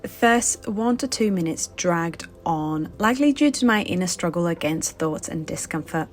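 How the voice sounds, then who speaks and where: A woman reading a reflective, measured voice-over for her vlog. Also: on the low side, lively intonation. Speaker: vlogger. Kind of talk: scripted voice-over narration.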